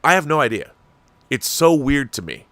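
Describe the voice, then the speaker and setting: Hosting a livestream, an American man from Washington state speaks in a mid-range, slightly bright voice with big pitch swings at a moderate pace, recorded dry. He chats casually and wanders between opinions, addressing viewers, answering their messages, and posing rhetorical questions.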